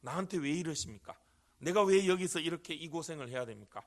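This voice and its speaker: A man's voice: on the high side, expressive, brisk. A middle-aged man preaching an earnest sermon into a microphone in a church, rising to emphatic cries. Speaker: pastor. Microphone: handheld or stand microphone.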